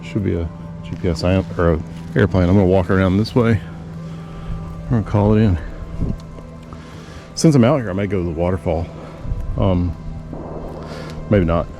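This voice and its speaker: A man vlogging as he hikes through rough woods, thinking aloud in a relaxed way and a little out of breath. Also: deep voice, moderate pace, pauses often, lo-fi sound. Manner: relaxed, musing, talks to himself. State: slightly out of breath. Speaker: travel vlogger. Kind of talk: casual thinking aloud while hiking. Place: outdoors in rough wooded hills. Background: background music.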